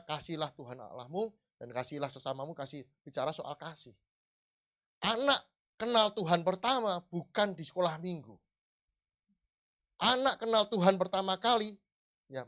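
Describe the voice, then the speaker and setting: A man preaching a sermon in a church hall, conversational and lively, rising in emphasis. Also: a little high.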